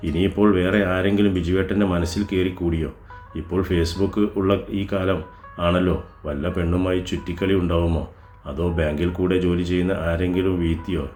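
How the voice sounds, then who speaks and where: A man's voice: low voice, fairly even intonation, a little fast, a little mellow, reverberant, faint music behind, lightly acted. A man voicing a wounded housewife who pleads with her husband. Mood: brooding.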